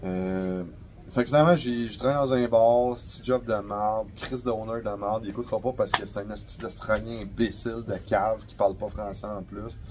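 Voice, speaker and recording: A young adult man with a Québécois French accent, a podcast guest telling stories in a slangy, profane, animated way. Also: on the low side, fairly quick, a little hiss or hum, poor audio. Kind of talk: casual storytelling chat.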